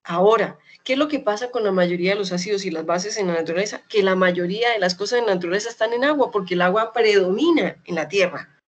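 A young adult woman with a Colombian accent from Medellín, teaching an online chemistry class in a chatty way. She keeps checking in with her students and slowly repeats key terms. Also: mid-range voice. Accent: Colombian Spanish, Medellín.

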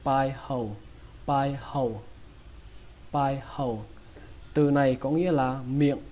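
A man with a Vietnamese accent teaching English pronunciation, breaking each word into sounds and repeating it slowly. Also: mid-range voice, steady tone, darkish tone. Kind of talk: slow, drilled pronunciation lesson.

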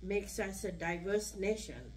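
A woman's voice: medium pitch, animated. Older sri lady reading her story at a senior center, kinda far from the mic, faint hum behind. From Sri Lanka. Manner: measured, reads from a page. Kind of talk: reading a personal story aloud. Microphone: podium mic. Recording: distant room recording, faint hum.

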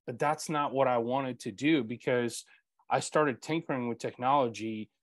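There's no echo and the sound is studio quality as this man, a Bulgarian-speaking podcast host in his 40s, conducts an interview via earbuds on a video call. His voice is mid-range at a moderate pace, and he earnestly relates his story, full of "you know" fillers.

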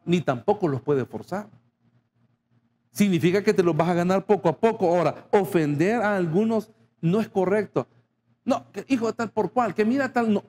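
High-voiced pastor preaching. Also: male voice, a little mellow. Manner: addresses the congregation directly, acting out little dialogues. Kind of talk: sermon.

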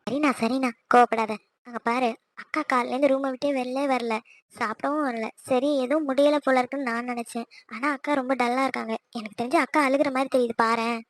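A woman voicing a bossy, sharp-tongued younger sister in a cartoon. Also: high-pitched, steady tone, fast. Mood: worried. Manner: snappy, bossy. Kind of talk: cartoon voice acting.

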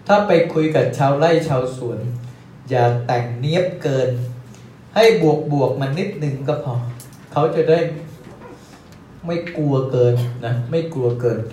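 A man giving a live sales seminar, talking in a lively, joking way and repeating his key phrases. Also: mid-range voice. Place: company seminar room. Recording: echoey room, distant mic, faint hiss.

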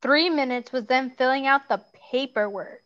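A woman guest on a podcast, telling her work stories briskly and acting out what people said. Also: sits high, a bit bright, muffled recording. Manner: brisk storyteller, acts out quotes. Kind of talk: casual chat.

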